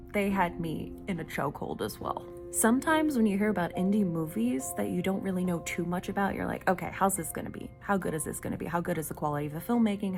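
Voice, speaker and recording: A woman with a fairly low voice delivers a casual video review. She talks in a conversational, emphatic way, like she is recommending something to viewers. Music plays clearly behind her. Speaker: film reviewer.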